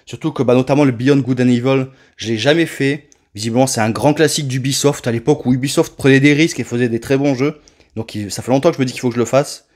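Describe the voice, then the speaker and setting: A man's voice: mid-range voice, fast talker, darkish tone. A man casually presenting his new retro video game purchases, talking loosely with many fillers and restarts. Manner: chatty, many fillers and self-corrections. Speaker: retro game collector, channel host. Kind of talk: casual collection showcase vlog.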